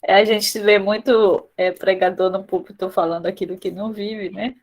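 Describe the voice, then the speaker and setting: A woman's voice: medium pitch, steady tone, moderate pace, poor audio. A woman leading a devotional group discussion. She talks informally and calls on each member to speak. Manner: warm, informal, passes the word to others.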